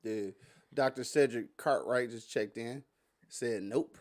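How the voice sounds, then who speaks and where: A man's voice: mid-range voice, slow, darkish tone. A man hosting a live radio podcast, laid-back and joking with his co-hosts. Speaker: podcast host. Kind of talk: casual live radio show chat. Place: studio.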